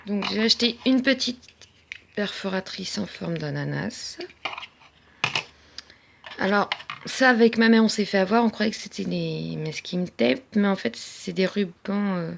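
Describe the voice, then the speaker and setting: A woman's voice: medium pitch, a little slow, vocal fry, long pauses, a little hiss or hum. A woman chatting casually as she shows off her craft-supply haul, hesitating often with fillers. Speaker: crafting vlogger. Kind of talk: casual haul show-and-tell. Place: at home.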